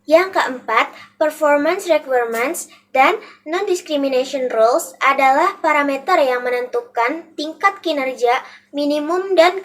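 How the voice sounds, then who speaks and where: A teenage girl, a vocational high school student from Indonesia, giving a school video presentation and reading her points one by one from a script. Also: fairly bright tone. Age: teens. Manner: reads from a script with listed points.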